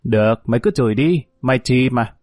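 A man's voice: mid-range voice, brisk, a little mellow, no echo, studio quality, close to an everyday voice. A man reading the part of a harsh, contemptuous male policeman in curt, scornful barks.

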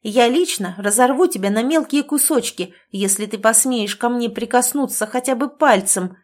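A woman reading the part of a furious, defiant young woman who shouts and snarls threats. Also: fairly high pitch, moderate pace, voice pushed up, close to an everyday voice.

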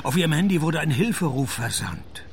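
Philip Maloney, gravelly deadpan noir detective. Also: male voice, fairly high pitch, a little fast, a little hiss or hum. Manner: deadpan, dry. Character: sardonic, world-weary male private detective, noir narrator. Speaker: private detective narrator. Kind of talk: noir detective radio drama, dialogue and first-person narration.

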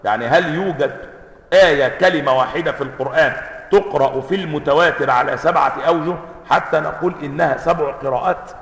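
A high, bright-toned man gives a lecture, stretching out each variant reading he quotes and then explaining it more briskly. His voice rings through a large hall with a long, roomy reverb. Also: vocal fry. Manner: reads quoted variant readings slowly and emphatically, then explains in quicker asides. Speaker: sheikh teaching Quranic sciences.

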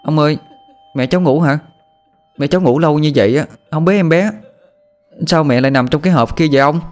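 A man voicing a six-year-old boy who misses his mother, in a high, childlike, pleading voice, for a spoken ghost story. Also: fairly quick, soft background music, close to an everyday voice.

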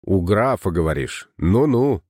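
A man's voice: low voice, big pitch swings, measured pace, a little mellow, no echo, clean studio sound, full character voice. A man reading an audiobook, voicing a burly, bullying village headman who blusters and threatens. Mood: angry.

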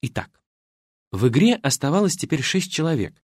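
A man narrating an audiobook with expressive storytelling. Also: on the high side, moderate pace, breathy edge, dry recording, clean studio sound.

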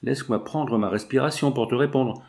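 A crude, jeering bandit sentry, gravelly and coarse, as a male narrator puts him on. He talks with mocking, gossipy relish. It is an audiobook reading with a mid-pitched voice. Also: brisk, darkish tone, close to an everyday voice. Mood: grumbling.

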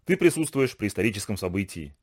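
Joking easygoing dad, read by a man, relaxed and jokey, lively pitch. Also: breathy edge. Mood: jovial. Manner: jovial, unhurried. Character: cheerful easygoing father, joking.

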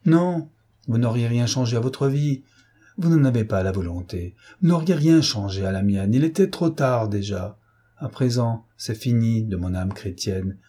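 A bitter, reproachful young man, as a male narrator reads him, impassioned and accusing. The tone is mellow and husky rather than bright. A novel read aloud as drama. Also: mid-range voice. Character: embittered young man accusing his parents.

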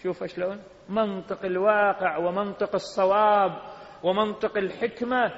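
A man's voice: high-pitched, steady tone, moderate pace. A man with an Iraqi Arabic accent preaching a sermon, reciting scripture with rising emphasis. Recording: dull lo-fi sound with long hall reverb.

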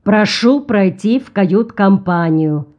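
A woman voicing a stately male ship captain who speaks in a formal, measured way, as the narrator of an audiobook. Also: mid-range voice, expressive, darkish tone, muffled recording.

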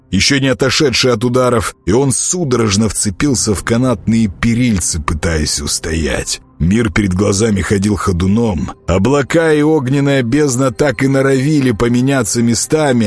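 A man narrating an audiobook in an expressive storytelling manner. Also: lowish voice, husky. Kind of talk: scripted narration.

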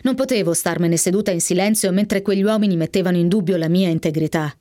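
A woman narrating a memoir in the first person on the radio, with a calm and measured reading. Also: on the low side, no room sound, clean studio sound. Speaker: reader. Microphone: studio microphone.

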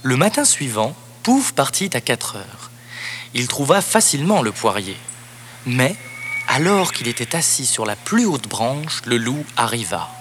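A man narrating a children's storybook cassette in a lively, expressive read-aloud voice. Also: medium pitch, measured pace. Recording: cassette narration over background music.

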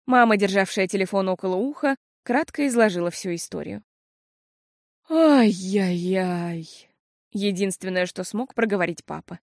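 A woman narrating a children's audiobook in an expressive, measured storytelling manner. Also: medium pitch, gravelly, no room sound, studio quality.

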